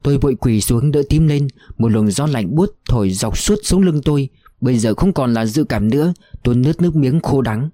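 A man narrating a war novel in a somber, steady reading voice. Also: medium pitch, moderate pace, dry recording, studio quality. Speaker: audiobook narrator.

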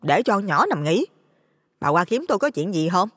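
A man's voice: sing-song, fairly bright tone, clean studio sound, full character voice. A man doing a nagging older village mother. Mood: worried. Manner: high falsetto, brisk and nagging. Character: worried older village mother, blunt and scolding. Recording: long reverb.

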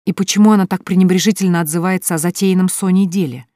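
Женщина, низковатый голос, спокойное чтение, сухой звук. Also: female voice, lowish voice, steady tone, quick pace, mellow, no room sound, studio quality. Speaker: audiobook reader. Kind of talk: scripted narration.

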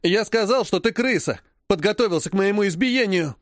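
A man doing a high, whiny spoiled heir. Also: animated, brisk, no echo, clean studio sound. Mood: whining. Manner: loud, whining, indignant.

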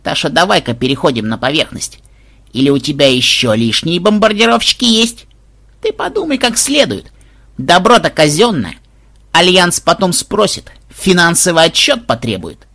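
A man voicing a brash, bossy old grandmother with a gravelly, husky voice. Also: on the high side, very animated, normal speed, sharp tone, voice pushed up, exaggerated voice. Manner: rough, bossy, mocking. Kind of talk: audiobook character voice.

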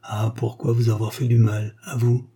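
A man's voice: mid-range voice, flat delivery, normal speed, gravelly, warm tone, slightly rough. A man reading the lines of a refined, proud woman of fifty who earnestly confesses her feelings in a story. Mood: heartfelt. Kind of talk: audiobook reading of a short story.

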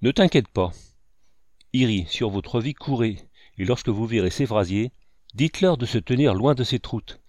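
A man voicing a gruff older frontier sergeant who gives brisk, scolding orders to his son in a storybook reading. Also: mid-range voice, animated, darkish tone, dry recording, studio quality, close to an everyday voice. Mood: commanding.

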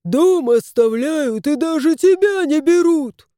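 A woman's voice: high voice, big pitch swings, drawn-out words, warm tone, no echo, studio quality, exaggerated voice. A woman voicing an anxious, fussy little male house spirit in a storybook, agitated and scolding.

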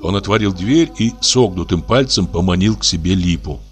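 A man narrating a classic story in a calm, measured audiobook reading. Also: deep voice, soft background music.

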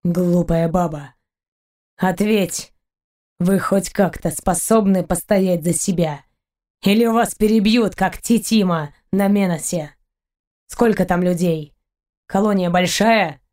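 A woman reading an audiobook and voicing a blunt, weary male space pirate in a slow, heavy, scolding way. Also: mid-range voice, darkish tone, natural voice. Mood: harsh.

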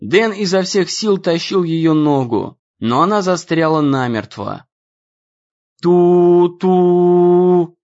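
A man narrating an adventure audiobook in an expressive storytelling reading. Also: on the high side, measured pace, few pauses, muffled recording.

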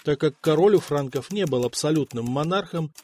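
A man reading a historical novel aloud in an even, measured way as an audiobook narrator. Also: a little high, slight background noise.

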